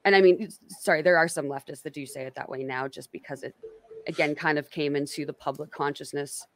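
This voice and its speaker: A woman's voice: deep voice, fairly even intonation, a little fast. A woman hosting a casual online interview, talking in a rambling way with lots of fillers and self-corrections. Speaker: host.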